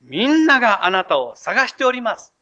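A man's voice: extremely high pitch, sing-song, moderate pace, bright, forceful tone, dull audio, pitched above the performer's own voice, exaggerated voice. A man doing a grumbling, impatient disciple. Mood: insistent. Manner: complaining, exasperated.

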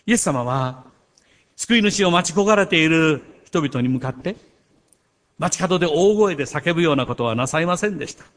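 A man preaching a sermon as a pastor, earnest, swelling louder on key points and dropping softer when telling a personal story. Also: a little high, animated, brisk.

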